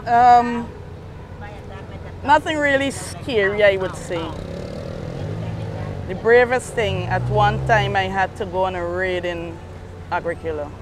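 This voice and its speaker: Outdoor street noise surrounds a woman police sergeant, Guyanese-accented, as she is interviewed near a street junction. With medium pitch, she speaks slowly and pauses often, keeping her replies short and matter-of-fact.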